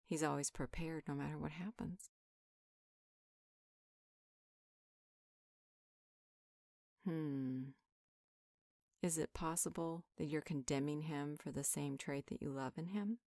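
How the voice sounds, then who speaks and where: For a fantasy roleplay audio, a woman voices a calm female healer, speaking in a low voice recorded dry and close, with almost no room sound. Her gentle, measured counsel reasons things through and reassures as she goes, forming one side of a conversational dialogue.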